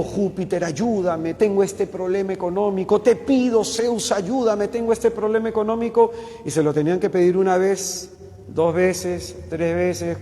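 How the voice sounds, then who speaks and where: Man, Bible course teacher, missionary, questioning delivery, slightly high voice, reverberant room. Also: darkish tone. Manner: asks the listeners many questions. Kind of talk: spoken Bible lesson.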